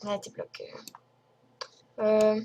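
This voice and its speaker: A woman's voice: mid-range voice, completely flat delivery, a little slow, dark tone, highs cut off, a little hiss or hum. A young woman from France ranting to her viewers in a rambling, indignant way, full of fillers. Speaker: vlogger. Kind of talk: casual screen-recorded rant.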